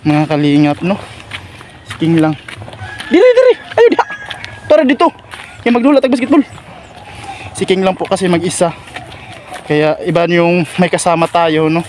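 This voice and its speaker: A man with a fairly high voice and an Agusan del Sur accent hosts a casual walking vlog. He coaxes his companion in a gentle, repetitive way, recorded outdoors with a faint hum of street ambience behind him. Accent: Agusan del Sur Filipino. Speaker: vlogger host.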